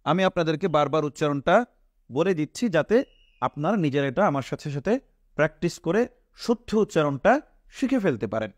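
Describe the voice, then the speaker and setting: A man with a Bangladeshi Bengali accent, teaching Quran letter pronunciation step by step, asking questions and answering them himself and drawing out each sound slowly. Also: on the high side, lively intonation, no room sound, studio quality. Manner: slow, patient, repeats each letter sound drawn out.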